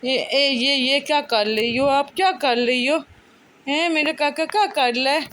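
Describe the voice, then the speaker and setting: A woman's voice: high voice, unhurried, a bit bright. A young mother, talking to her infant in cooing, sing-song baby talk.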